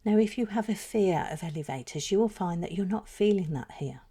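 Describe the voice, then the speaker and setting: A woman's medium-pitched voice, with lively intonation, leads a guided meditation softly and breathily, often drifting toward a whisper. She speaks in slow, soothing phrases separated by deliberate pauses.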